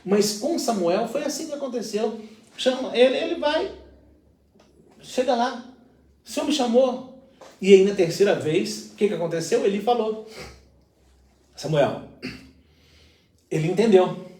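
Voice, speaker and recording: Earnest pastor with a high lively voice. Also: male voice, normal speed, roomy sound, far from the mic. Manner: earnest, explanatory, uses everyday examples. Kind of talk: conversational Bible reflection.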